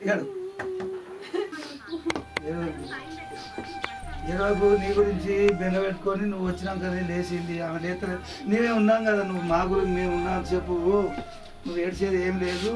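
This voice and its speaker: A man's voice: sits high, fairly even intonation, moderate pace, pauses often. A man, repeatedly soothing and comforting a crying relative in a village short film. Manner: soothing, repetitive, pleading. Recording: distant mic with loud background music.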